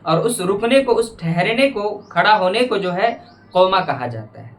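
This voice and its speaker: A man, a religious teacher, giving a measured lesson on prayer and slowly repeating phrases to correct pronunciation. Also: high voice, expressive.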